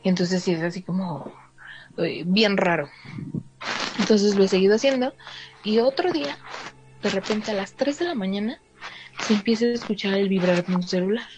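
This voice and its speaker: Over music, a woman with a Mexican Spanish accent casually tells a listener a story in a mid-range voice at normal speed, pausing often. She's chatty, tossing in little asides and fillers like "o sea" and acting out the dialogue. The recording sounds slightly dull, with faint noise.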